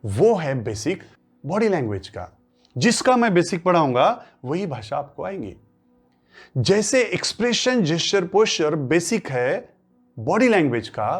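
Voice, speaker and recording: A man whose first language is Marathi, teaching a spoken English lesson in Hindi. He asks questions, answers them himself, and repeats phrases for emphasis. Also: on the high side. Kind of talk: classroom-style lesson.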